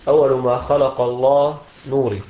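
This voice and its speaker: A man reading a commentary aloud in a lesson, steady and measured, pausing at each phrase. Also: mid-range voice. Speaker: student reader. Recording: dull echoey lo-fi recording.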